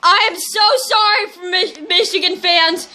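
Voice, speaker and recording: A young boy doing amateur play-by-play commentary at home, excitable and repeating himself, his voice going hoarse. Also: very high voice, normal speed. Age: child. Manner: excitable, repeats exclamations over and over. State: losing his voice. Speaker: fan commentating a televised game at home. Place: home, in front of a TV.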